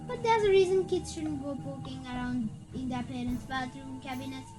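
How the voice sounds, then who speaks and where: Over background music, a reader with a voice that sits high reads a children's ghost story at a moderate pace. They stumble and repeat words along the way, and the recording is rough.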